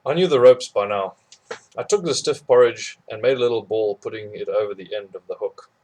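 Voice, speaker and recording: An audiobook reader narrates a memoir plainly and steadily, without frills and at an unhurried pace. His voice is on the low side, a little mellow, with a husky, slightly breathy edge.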